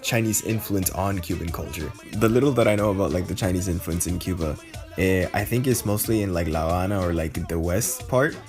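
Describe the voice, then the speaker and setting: Man, casual chat, relaxed and loose, lowish voice, soft music behind. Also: fairly quick.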